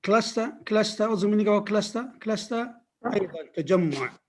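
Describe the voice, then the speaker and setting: A man with a fairly high voice teaches an online phonetics class, switching between English and his native Arabic. He speaks at a very unhurried pace, repeating terms and definitions over and over as he drills them. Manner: slow and repetitive, drilling words and definitions.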